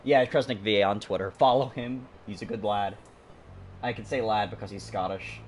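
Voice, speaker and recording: A man's voice: fairly low pitch, fairly even intonation, normal speed, slight background noise. A young man chatting casually while streaming a video game, rambling from one thought to the next and laughing mid-sentence. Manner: rambling, chatty, jokes and talks to a friend. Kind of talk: casual let's-play commentary.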